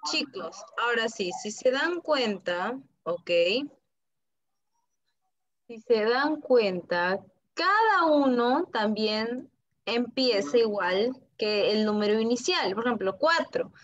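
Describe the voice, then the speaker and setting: A woman English teacher, teaching an online class to young children and drilling words slowly and patiently for them to repeat. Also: on the high side, expressive. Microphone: computer mic on a video call. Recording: muffled video-call audio.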